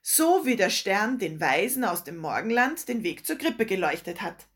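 A woman voicing a big, bearded older man who booms jovially. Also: very animated, moderate pace, fairly bright tone. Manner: booming, jovial.

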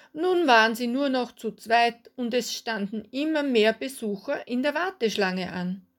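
Slow, calm woman storyteller. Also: a little high. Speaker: narrator. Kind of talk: storybook narration.

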